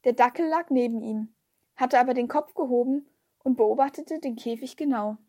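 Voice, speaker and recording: High-voiced woman reading a story. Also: normal speed, mellow. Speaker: audiobook reader. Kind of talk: scripted narration.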